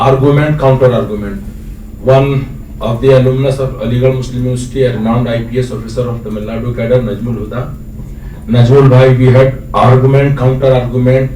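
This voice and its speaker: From the floor of a lecture hall, a man from Bihar asks a long, earnest question full of hesitations; English isn't his native language, his first being a local Bihari dialect, and he has an Indian accent. His voice is mid-range and dark. The hall is echoey, the mic distant, and there's faint noise.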